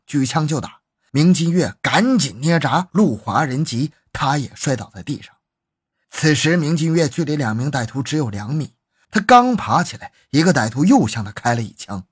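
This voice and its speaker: Husky male true-crime narrator. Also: on the high side, dry recording, clean studio sound. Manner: dramatic, suspenseful storytelling.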